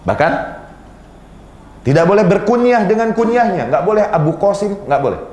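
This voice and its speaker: A man's voice: high-pitched, big pitch swings, moderate pace, darkish tone. A man preaching an Islamic sermon, telling stories animatedly, acting out quoted dialogue and reciting Arabic passages. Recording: roomy hall sound.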